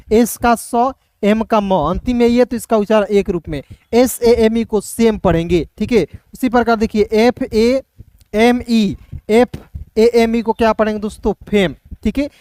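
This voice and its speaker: A man's voice: very high-pitched, darkish tone, smooth, no room sound. Male tutor, drill-style lesson, dry close sound. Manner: repetitive, asks and answers his own questions. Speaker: English teacher. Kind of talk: beginner phonics lesson.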